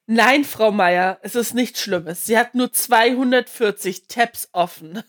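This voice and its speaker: A woman's voice: on the high side, measured pace, no room sound, studio quality. Give me a young woman on a clipping, distorted mic. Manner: laughs often while telling stories. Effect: clipping, overdriven distorted mic. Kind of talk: casual chat.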